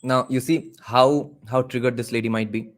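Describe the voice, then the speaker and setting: A man's voice: medium pitch, fairly even intonation, moderate pace. A man with an Indian accent giving mocking, laughing commentary over a clip as a streamer. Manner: sarcastic, laughing, swears. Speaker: reaction streamer.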